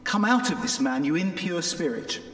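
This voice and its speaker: A man voicing a calm, commanding male healer as he reads a Bible passage aloud, speaking firmly. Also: fairly high pitch, moderate pace. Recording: echoey church hall.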